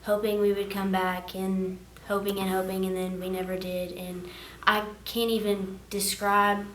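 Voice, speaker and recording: A teenage girl, a softball player, speaking softly and earnestly. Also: medium pitch, little pitch movement, unhurried, echoey room, slight background noise, poor audio. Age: teens. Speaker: graduating student, softball player.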